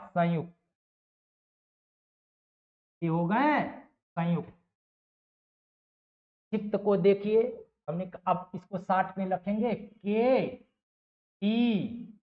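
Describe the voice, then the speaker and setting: A male teacher with a very high voice gives a grammar lesson, taking each step slowly and with care. He repeats syllables, asks his students questions and answers them himself. The recording sounds dull and lo-fi. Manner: repeats sounds and keeps checking with "ठीक है". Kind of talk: Hindi grammar lesson for exam preparation.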